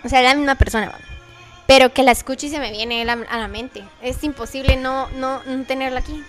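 A woman's voice: high voice, steady tone, a little fast, over music. A young woman, hosting a casual podcast chat, telling stories, laughing often and acting out quoted dialogue. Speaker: podcast host.

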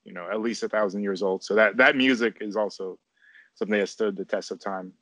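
A man with a lowish voice speaks casually, pausing often and restarting his sentences. The recording is dry and close, with no room sound. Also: fairly even intonation, bright, forceful tone, no echo. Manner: hesitant, full of fillers and restarts. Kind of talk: casual conversation.

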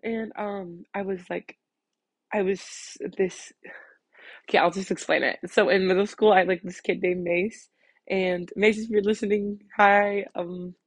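A woman's voice: medium pitch, fairly even intonation, measured pace, no room sound. A teenage American young woman with a slight lisp from wearing retainers, rambling casually and self-consciously on her podcast, giggly and peppering her talk with "like". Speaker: podcast host. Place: in bed at home.

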